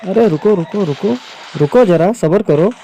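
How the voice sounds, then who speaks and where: Young male gaming streamer, excitable play-by-play, slightly high voice, faint noise under the recording. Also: normal speed. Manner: excitable, frequent exclamations. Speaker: gaming YouTuber. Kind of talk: live gameplay commentary.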